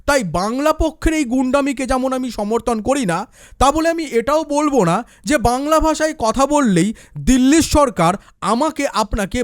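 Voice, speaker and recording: A man with a strikingly high voice delivers a forceful political commentary. He argues his case through rhetorical questions and answers them himself. The recording is close and dry, with no room sound. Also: dry recording. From West Bengal, India. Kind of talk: opinion commentary monologue.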